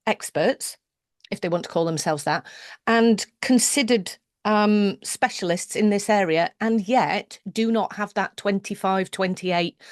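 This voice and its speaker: A British woman leads a conversational interview in a steady middle register. Her voice sounds dry and close, with little room around it. She thinks aloud, doubling back with restarts and asides as she builds a question. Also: mid-range voice, no room sound. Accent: British English. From United Kingdom. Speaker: podcast host.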